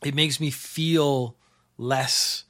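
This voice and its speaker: A man's voice: mid-range voice, steady tone, drawn-out words, a bit bright. A middle-aged man hosting a show, casually telling a rambling story and repeating phrases for comic effect.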